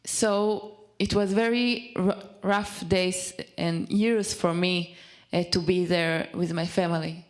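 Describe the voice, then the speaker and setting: A young woman from Israel, a native Hebrew speaker, telling her personal story in halting English, often pausing and restarting as she searches for words. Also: fairly low pitch, steady tone. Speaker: speaker at a community event. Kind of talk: personal testimony.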